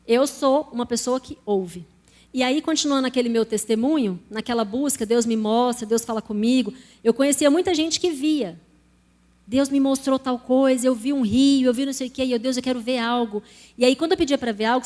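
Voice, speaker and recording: Brazilian woman, sermon testimony, fairly high voice, talks straight to the congregation. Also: darkish tone. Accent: Brazilian Portuguese. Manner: conversational, addresses congregation directly. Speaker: preacher.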